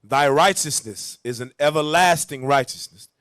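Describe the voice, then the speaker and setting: A man reading Bible verses aloud at a preacher's cue, steady and deferential. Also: fairly high pitch, normal speed, smooth, no echo, studio quality. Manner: steady, deferential, answers "yes, sir". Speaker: scripture reader.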